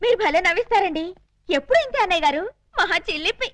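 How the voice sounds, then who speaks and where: Brief: a very high, quick, bright melodramatic young woman, film comedy. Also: lively intonation. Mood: cheerful. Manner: loud, pleading, melodramatic. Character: brash young woman chasing a reluctant groom.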